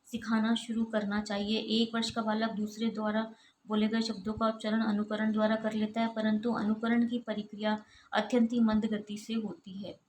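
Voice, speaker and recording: A woman's voice: mid-range voice, completely flat delivery, moderate pace, a little mellow. A woman who is an assistant professor, giving a recorded college lecture and going steadily through lists of examples. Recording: echoey room with faint ambient noise.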